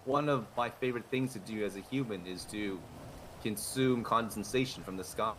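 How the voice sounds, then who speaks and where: A man's voice: lowish voice, moderate pace, a little hiss or hum, natural voice, poor audio. A man in an improvised game role-play, playing a man who talks like a stiff robot in formal, mechanical phrases. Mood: stiff robotic.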